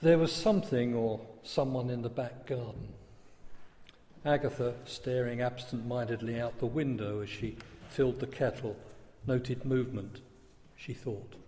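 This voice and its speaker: A man giving a measured storybook reading. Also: medium pitch, warm tone. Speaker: narrator. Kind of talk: storybook narration. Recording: long reverb.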